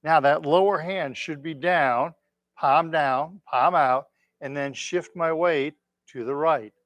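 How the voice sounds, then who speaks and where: Male tai chi instructor, slightly high voice, dry sound, gentle and unhurried step-by-step class cues. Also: no room sound.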